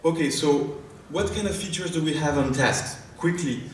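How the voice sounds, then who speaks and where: A startup founder from France gives a live stage demo of his product in a large conference hall. His French-accented voice sits on the high side and moves at normal speed, and he stumbles with many fillers and restarts. The recording is distant and echoey, with faint noise.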